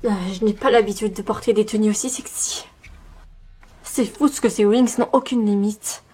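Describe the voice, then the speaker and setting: A woman's voice: medium pitch, steady tone, moderate pace, darkish tone, a little hiss or hum, natural voice. A woman playing scheming, bossy young witches plotting in secret in an amateur audio drama.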